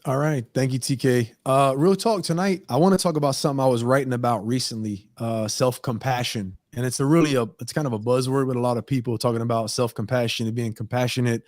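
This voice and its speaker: A man's voice: medium pitch, fast, few pauses, darkish tone, dry recording, studio quality. A man giving an earnest, emphatic motivational talk on a talk show, pushing his voice up for emphasis. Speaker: guest segment presenter.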